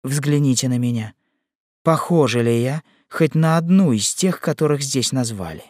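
A man voicing a frightened, pleading young woman with a gentle manner. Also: medium pitch, expressive, normal speed, no room sound, clean studio sound, natural voice.

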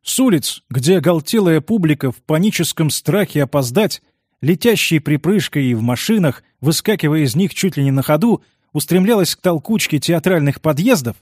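A man narrating a literary novel in an expressive, measured storytelling manner. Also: on the high side, dry recording, studio quality. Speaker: audiobook narrator.

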